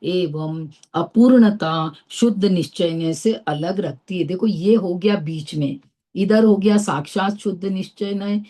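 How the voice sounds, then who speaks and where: A middle-aged woman from India leads a philosophy lesson in a mellow, warm voice at a middling pitch. She explains step by step and keeps asking her listeners whether they follow. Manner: explains patiently with rhetorical checks. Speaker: teacher of Jain philosophy. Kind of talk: explanatory Q&A class.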